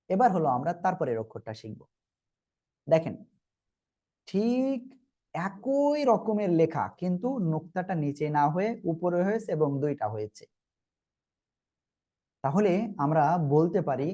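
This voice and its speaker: A man's voice: a little high, a little mellow. Patient male Quran teacher, step by step. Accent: Bangladeshi Bengali. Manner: patient, repeats and checks understanding. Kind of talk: online Quran reading lesson.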